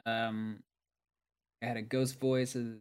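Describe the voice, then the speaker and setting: A man's voice: medium pitch, level tone, takes it slowly, smooth. Chatty young-sounding gamer man. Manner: chatty, laughs easily, rambling restarts. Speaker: gamer and video maker. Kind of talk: casual gaming voice chat.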